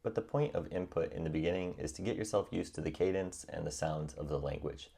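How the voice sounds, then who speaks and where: Man, young adult, extremely low voice, calm encouraging tutorial narration. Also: brisk, gravelly, slightly rough. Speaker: language-learning YouTuber.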